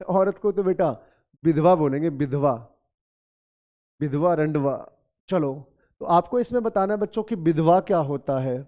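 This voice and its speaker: A man's voice: fairly high pitch, moderate pace, pauses often, mellow. A middle-aged man with a Hindi accent teaching an English vocabulary lesson. He calls his students children and repeats key words several times. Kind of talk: classroom lesson explaining vocabulary.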